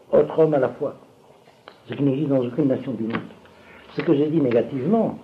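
Older man lecturing, lively pitch. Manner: digressive, keeps checking if listeners follow. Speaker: religious teacher. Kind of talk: lecture to an audience. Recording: dull lo-fi recording with faint room noise.

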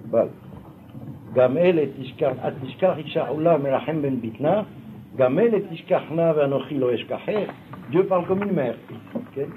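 Lively tinny-sounding male Talmud teacher. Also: on the high side, normal speed. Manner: explanatory, often checks understanding with the class. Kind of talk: Talmud class lecture. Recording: tinny lo-fi recording with faint noise.

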